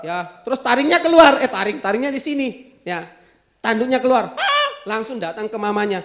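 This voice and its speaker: A man with a Javanese accent teaching a children's Bible lesson in an animated way, asking questions as he goes. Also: very high-pitched, brisk. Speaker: Sunday school teacher.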